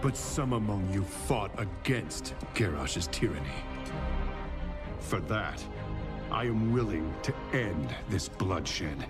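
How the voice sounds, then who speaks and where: An actor playing a stern, noble warrior king in a game cinematic, speaking in a commanding, measured, declamatory way. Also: low voice, animated. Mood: stern, warning. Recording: loud music under the voice.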